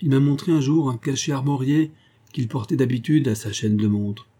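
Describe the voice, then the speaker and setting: A man voicing an eager, warm-hearted young English gentleman who speaks up earnestly for a friend. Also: mid-range voice, fairly even intonation, moderate pace, lightly acted. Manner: earnest, indignant in defence of a friend. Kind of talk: audiobook character voice.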